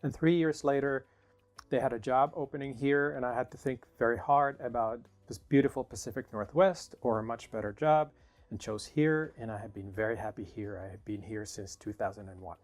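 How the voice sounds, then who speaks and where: A middle-aged political science professor from Finland answers interview questions thoughtfully and in a measured way, with small restarts. His voice is medium-pitched.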